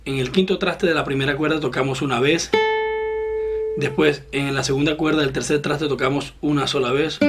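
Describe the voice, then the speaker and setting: Male guitar teacher, slightly high voice, patient and upbeat, loud guitar in the mix. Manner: patient, encouraging, speaks directly to the student; slow, step-by-step instruction. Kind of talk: online guitar lesson. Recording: loud guitar playing behind the voice.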